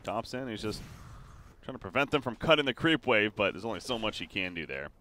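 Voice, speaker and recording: A man casting a live competitive video game match, calling the plays quickly and getting excited at the big moments, with frequent fillers and restarts. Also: on the low side. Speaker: esports caster.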